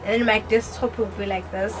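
A teenage girl's casual couch chat with her father wanders along with many fillers and giggles in their living room. She talks fairly quickly in a steady, mid-range voice, with music in the background.

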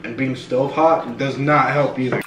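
A man's voice: mid-range voice, steady tone, moderate pace, noisy background. A young man chatting casually to camera as a vlogger, his mouth burning from spicy food. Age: young adult. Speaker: vlogger doing a food challenge. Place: home kitchen, indoors. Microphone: camera a few feet away. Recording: echoey room, distant camera, faint kitchen clatter.

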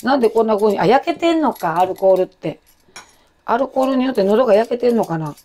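A woman in her forties with a Kansai accent and a loud, rough-throated voice, chatting in a rambling, self-deprecating way while she cooks. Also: a little high, expressive, fast. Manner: chatty, self-deprecating, jumps between topics. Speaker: cooking vlogger. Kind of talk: casual chat while cooking.

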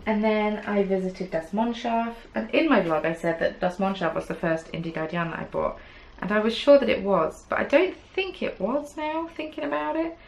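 Speaking at a normal speed with few pauses, a young knitting podcast host has a creaky, medium-pitched voice. She rambles casually to camera with many "um"s and playful asides from a small indoor craft room with yarn shelves, recorded by a camera at desk distance in low quality.

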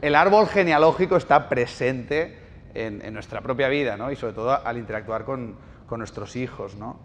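A man's voice: mid-range voice, moderate pace, in a large hall, slight background noise. A man giving a live talk, telling stories with irony and asking the audience questions. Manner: storytelling, ironic, asks the audience questions. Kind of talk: live lecture. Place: bookshop event space with audience.

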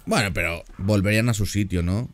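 Excitable deep-voiced Spanish man gaming. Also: brisk. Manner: excitable, exclaims and repeats words in bursts. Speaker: gaming YouTuber reacting to a zoo build. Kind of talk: casual gameplay commentary.

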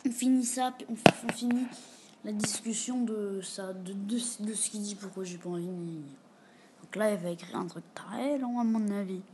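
A woman casually chatting with a chatbot on camera at home, reading its replies aloud and often dropping to a quiet, half-whispered mutter. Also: medium pitch, normal speed, background noise. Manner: reads the bot's replies aloud and answers them. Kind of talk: casual gaming commentary. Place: room at home with a door.

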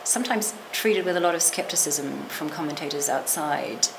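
Seated in a small lecture room, a middle-aged woman who teaches literature gives a reflective interview at a normal speed. Her voice is low with vocal fry, and she keeps qualifying her points through restarts and asides. The room recording carries noticeable noise.

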